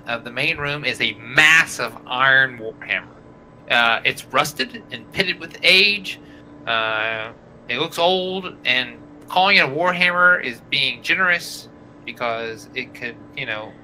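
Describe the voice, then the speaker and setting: A man's voice: mid-range voice, sharp tone, a little hiss or hum, rough recording. A man narrating a tabletop game as game master, rambling with many fillers. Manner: rambling, many fillers, voices innkeeper and villagers.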